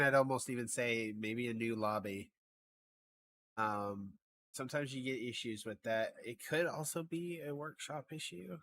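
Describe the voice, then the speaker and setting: A man's voice: mid-range voice, bright, forceful tone, a little hiss or hum. A man casting an esports match in a casual, chatty way, often thinking aloud and trailing off. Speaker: esports caster.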